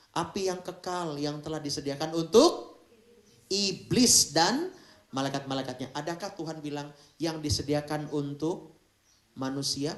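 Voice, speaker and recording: A man preaching an animated, humorous Sunday sermon, jumping between loud exclamations and hushed asides. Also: high-pitched. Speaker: pastor. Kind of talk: lively Pentecostal sermon. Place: large church hall. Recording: echoey church hall.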